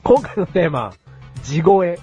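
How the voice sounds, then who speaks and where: A man co-hosting a comedy podcast, with a naturally loud voice, talking politely and laughing often. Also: sits high, sing-song, faint music behind. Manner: polite, deferential, quick to laugh. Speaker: podcast co-host. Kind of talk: casual comedic chat.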